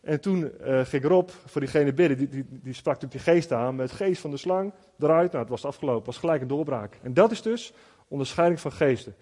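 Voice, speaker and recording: A man's voice: mid-range voice, expressive, fairly quick, a little mellow, husky. A man preaching informally, telling stories in an earnest way with many restarts and fillers. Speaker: preacher teaching on spiritual gifts. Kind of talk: informal sermon teaching. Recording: long hall reverb.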